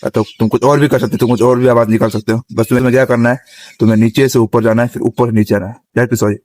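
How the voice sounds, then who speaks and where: A man's voice: medium pitch, steady tone, fast, a little mellow, no room sound. A young man giving a casual spoken tutorial on vocal tips, outdoors on a rooftop. He explains step by step and keeps checking in with his listeners. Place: outdoors on a rooftop, sitting on the ground.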